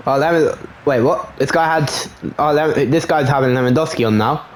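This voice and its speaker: A young man casually commentating his own football video game match, chatty and self-mocking, getting excited at goals. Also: fairly high pitch, moderate pace, slight background noise. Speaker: gaming channel host.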